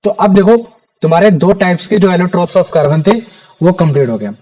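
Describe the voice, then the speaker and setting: A man's voice: high-pitched, lively intonation, moderate pace, mellow, muffled recording. A man teaching a chemistry class, talking casually to his students and asking them questions. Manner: chatty, calls students "bhaiya".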